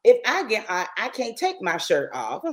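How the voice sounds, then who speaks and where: A woman's voice: mid-range voice, wildly swooping pitch, a loud crowd. A woman co-hosting a podcast in casual chat, teasing and asking pointed questions. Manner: teasing, questioning, quick laughs. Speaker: podcast co-host.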